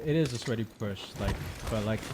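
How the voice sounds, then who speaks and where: A man casting a live esports match with excitable play-by-play. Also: fairly low pitch, brisk, loud music behind the voice. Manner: excitable play-by-play, rises sharply in big moments. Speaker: esports caster. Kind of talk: live game commentary. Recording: loud gunfire behind.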